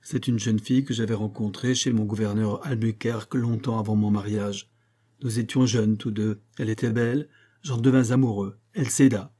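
A man voices a proud medieval king, imperious and stern, issuing his decrees in an audiobook. The tone is warm and low-lit, with a husky grain under the authority. The delivery is a little higher and firmer than a plain reading. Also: steady tone, normal speed, natural voice. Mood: confiding.

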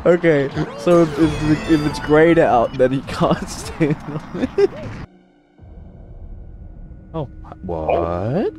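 Excitable swearing gamer guy. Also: on the high side, extremely slow, pauses often, over music. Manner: excitable, swears and laughs a lot. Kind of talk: casual gameplay chat.

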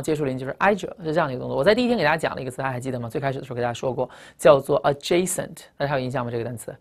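A woman with Chinese as her first language teaching English vocabulary in a recorded lecture, emphatic, asking rhetorical questions and spelling out word roots. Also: low voice.

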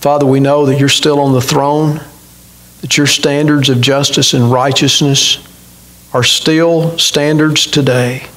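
A man's voice: medium pitch, little pitch movement, unhurried, a bit bright, poor audio. A middle-aged man preaching a sermon from a church pulpit, earnestly putting questions to his congregation. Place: church sanctuary, indoors, at a pulpit.

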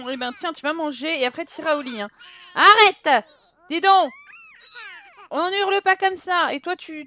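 A young woman with a high voice talks her way through a life-sim game, giving her characters orders and laughing along. Her voice is recorded close and dry. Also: dry recording. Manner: chatty, bossing her game characters around, laughing often. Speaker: gaming YouTuber. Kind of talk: casual let's-play commentary.

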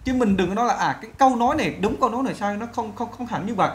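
A woman teaching an online English lesson. She explains in Vietnamese, speaks straight to the viewers, and says English phrases slowly for learners to repeat. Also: a little high, animated. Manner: addresses viewers directly and often.

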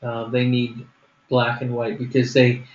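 A man's voice: medium pitch, monotone, unhurried, a little hiss or hum. Man thinking aloud on an echoey, muffled call. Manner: explains step by step, thinking aloud. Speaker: group leader planning a skit. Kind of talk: casual planning on a group call.

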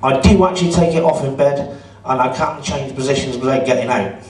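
A man's voice: medium pitch, brisk, darkish tone. A middle-aged man doing a stand-up comedy set in a club, chatty and sarcastic as he teases the crowd. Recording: roomy audio from a distance.

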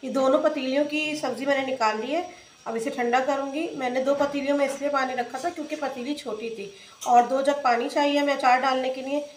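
Cooking host, woman, high voice, step-by-step recipe narration in an echoey home kitchen. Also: fairly even intonation, a little fast, a little hiss or hum. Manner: plain, explains each step as she works.

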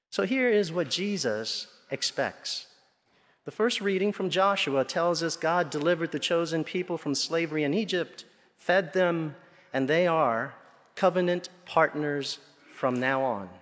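Delivering a Sunday homily, a middle-aged preacher speaks deliberately from the pulpit, leaving pauses between phrases. His somewhat high, slightly bright voice echoes with long hall reverb through gooseneck and lapel microphones in the large church.

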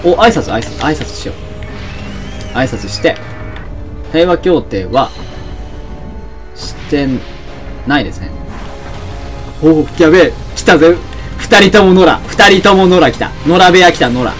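Excitable man shouting over a game. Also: on the high side, unhurried, pauses often, faint music behind. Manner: excitable, shouts and laughs at the action. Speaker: game commentator. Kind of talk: excited let's-play commentary.

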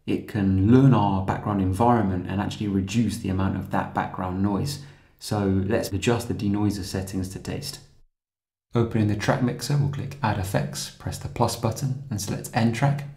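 A man narrating a scripted software tutorial in a calm, steady, explanatory way. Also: lowish voice, moderate pace, echoey room.

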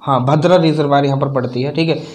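A man from North India walks through a map lesson, his voice sitting slightly higher than most men's. He halts over unfamiliar names, repeats them, and answers his own questions. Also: fairly even intonation, darkish tone. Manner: halting, repeats names, asks and answers himself. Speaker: teacher.

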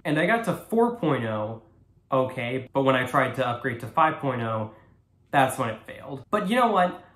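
This is screen-recorded tutorial narration from a young man's tech channel: he talks casually through a computer install step by step while doing it. The setting is a bedroom studio with computer screens behind him, and his medium-pitched voice is slightly bright.

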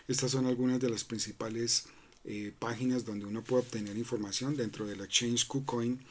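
There's slight background noise behind this man's medium-pitched, steady voice, which moves at a moderate pace. He runs a crypto channel and talks casually through a screen recording, with many fillers and restarts and frequent "¿no?" tags.

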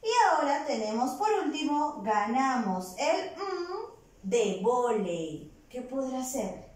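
A very animated woman with a high, darkish voice dictates words to a virtual primary class, going slowly and patiently syllable by syllable. The mic is distant and the room echoes.

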